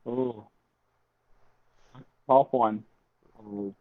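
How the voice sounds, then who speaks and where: A man, a podcast guest, giving quiet, thoughtful answers in a casual chat. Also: medium pitch, steady tone, extremely slow, no room sound. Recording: phone-like call audio.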